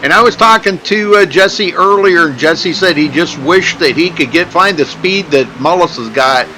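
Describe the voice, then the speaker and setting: A man commentates on motorsport in a bright, slightly high voice. His live race calling is casual and chatty. A faint noise sits behind him. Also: moderate pace, low-quality recording.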